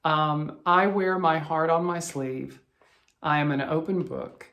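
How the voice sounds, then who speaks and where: A man's voice: fairly high pitch, takes it slowly, creaky, bright, forceful tone. Chatty, self-deprecating man hosting a vlog. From Alabama. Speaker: cross-stitch video host.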